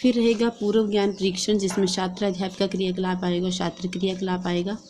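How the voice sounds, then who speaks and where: Woman, Hindi accent, lesson-plan explainer, steady dictating manner, faint background hiss. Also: medium pitch, fast talker. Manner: steady instructive delivery, reading out and dictating. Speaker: teacher-training vlogger.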